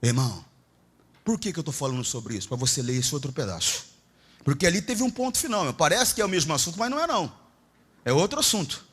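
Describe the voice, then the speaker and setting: A middle-aged Brazilian man preaching a Pentecostal sermon, swinging between shouts and low, confiding asides. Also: big pitch swings, quick pace, husky. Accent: Brazilian Portuguese. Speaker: pastor.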